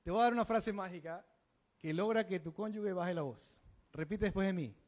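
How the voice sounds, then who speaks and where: A man preaching a sermon, putting questions to the congregation and moving between hushed asides and raised, emphatic bursts. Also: high voice, moderate pace. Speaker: pastor.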